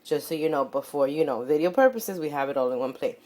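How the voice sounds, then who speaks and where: Speaking quickly in a low, slightly mellow voice, a woman runs a chatty, casual cooking demonstration at her home stove. She's encouraging and often repeats short phrases while she works. Her recording is noisy, with sizzling, stirring and clinking pans behind her.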